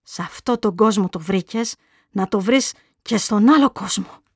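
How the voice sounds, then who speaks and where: A woman voicing a grieving mother who curses a sick young woman, speaking loudly and bitterly. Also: lowish voice, fairly even intonation, no room sound, studio quality, close to an everyday voice. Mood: bitter cursing. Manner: bitter, cursing, raised voice.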